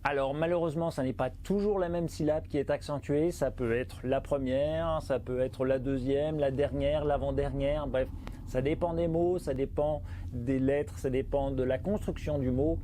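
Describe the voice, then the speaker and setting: A man teaching pronunciation in a video lesson, explaining clearly and emphatically, slowing down to model each sound, with playful asides. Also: medium pitch, fairly even intonation, warm tone, slight background noise. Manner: playful, self-mocking asides.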